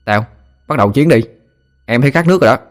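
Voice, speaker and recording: A man's voice: medium pitch, animated, quick pace, soft background music, voice pushed up, close to an everyday voice. A man with a Southern Vietnamese accent voicing a young village boy who pouts, whines and boasts. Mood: excited. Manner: pouting, whiny, cocky.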